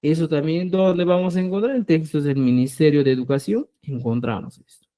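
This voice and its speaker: A man teaching a live online Quechua class, explaining sounds slowly and checking in often with the listeners. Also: a little high, steady tone, warm tone. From Peru. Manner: explanatory, keeps checking in with "¿ya?", spells out syllables slowly.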